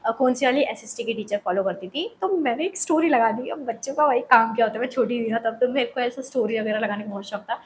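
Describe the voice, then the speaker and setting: A young woman telling a personal story in a casual, animated way, often slipping English words and phrases into her talk. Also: on the high side, fast talker, few pauses, slight background noise, poor audio. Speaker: vlogger.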